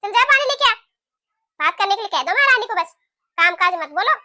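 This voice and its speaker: A woman voicing a sharp-tongued, nagging middle-aged mother-in-law in a cartoon, talking in a scolding, taunting way. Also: extremely high pitch, brisk. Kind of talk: cartoon voice acting.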